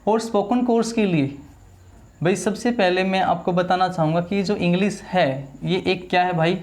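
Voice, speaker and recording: A man teaching a video English class in Hindi, saying each word slowly and asking listeners to repeat it back. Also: high voice, fairly even intonation. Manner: drills words slowly, repeats them, asks the class to repeat. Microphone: small camera in front of him.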